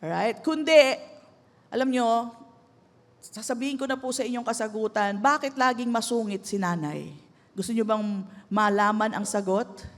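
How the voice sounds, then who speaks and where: A woman pastor with a Filipino accent preaching a sermon in a mix of Tagalog and English. She calls out for amens and slows to a soft hush on key lines before rising loud again. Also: on the high side. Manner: switches between Tagalog and English, asks the crowd for amens; slows right down and softens on key lines, then rises loud. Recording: long hall reverb.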